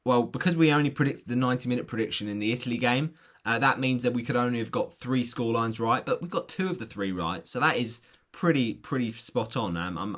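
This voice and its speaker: A man with a hoarse voice that is giving out, casually talking viewers through football predictions in an informal, chatty way. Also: medium pitch, sharp tone.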